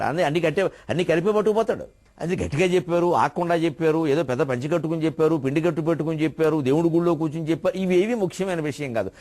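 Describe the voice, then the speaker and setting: Older male spiritual speaker, fairly high voice, expressive delivery that moves between hushed and forceful, with chanted verses. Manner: expressive, rising and falling in pitch and volume, quoting and chanting verses. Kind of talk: Telugu religious discourse.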